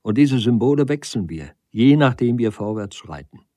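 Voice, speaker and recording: A man's voice: mid-range voice, animated, normal speed, warm tone, dry recording, pitched above the performer's own voice, close to an everyday voice. A man reading the lines of an intense young man who argues with fervent conviction in a storybook. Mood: musing. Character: intense young man, earnest wandering philosopher.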